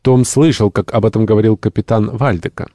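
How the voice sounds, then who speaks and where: A man's voice: lowish voice, brisk, mellow, no echo, clean studio sound, pitched above the performer's own voice, close to an everyday voice. A man voicing a middle-aged woman traveling on a ship who speaks politely and teases mildly. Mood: teasing. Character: middle-aged female ship passenger, gentle, teasing.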